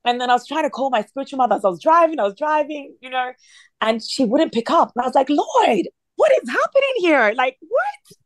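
This time the prayer line leader talks fast in a high voice, still earnest and chatty with plenty of fillers as she guides the phone prayer meeting. There's no echo.

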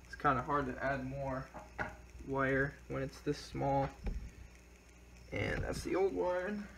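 A young man narrates his own repair job at a slow, easy pace, chatty and thinking aloud as he goes. His voice sits at an ordinary middle pitch, with a faint hum of ambient noise behind it. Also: creaky, rough recording. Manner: relaxed, chatty, thinking aloud while working. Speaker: car DIY video maker. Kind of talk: casual how-to narration.

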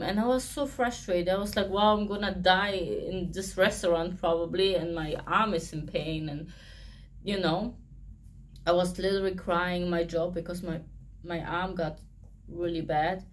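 A young woman, a channel host, reads Bible verses and then shares a personal testimony in an earnest, conversational way, halting often with fillers. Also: fairly low pitch, slight background noise. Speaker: channel host sharing faith.

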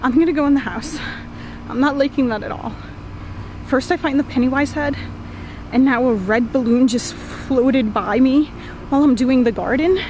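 A woman's voice: sits high, normal speed, darkish tone, a little hiss or hum, poor audio. A middle-aged woman filming a spooky family vlog on a handheld camera, exclaiming in puzzled disbelief as she moves from a backyard garden into a dim basement. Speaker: family vlogger.

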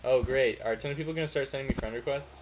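A young man streaming a game live, chatting casually and excitably with friends and shouting out his viewers. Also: medium pitch, rapid-fire. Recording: faint background noise.

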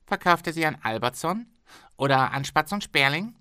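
A man voicing a greedy, fretful factory owner in an audiobook reading, with a strained, excitable tone. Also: fairly high pitch, moderate pace, clear, resonant tone, no echo, clean studio sound, voice pushed up. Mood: scheming.

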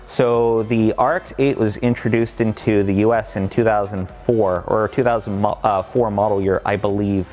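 A man's voice: fairly low pitch, fairly even intonation, normal speed, hardly any pauses, darkish tone, faint music behind. Enthusiastic man in echoing garage. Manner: enthusiastic, fact-heavy, many fillers. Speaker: company collection guide. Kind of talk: casual walkaround explanation. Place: large underground parking garage. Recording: long garage reverb.

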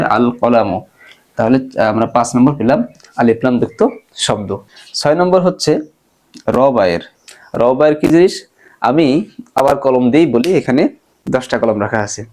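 A man's voice: medium pitch, darkish tone. A man teaching Arabic grammar in an online lecture. He asks his listeners questions and answers them himself, walking through everyday examples. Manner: slows down and gives everyday examples.

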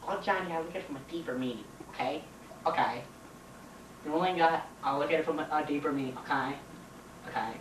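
A man's voice: fairly high pitch, fast talker, long pauses, a bit bright, natural voice. Teacher impression: chirpy, goofy schoolmarm played by a young man, indulgent, repetitive, home camcorder sound at a distance. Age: young adult. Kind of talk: amateur comedy skit. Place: home kitchen. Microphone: camcorder a few feet away. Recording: noisy, roomy home camcorder audio.

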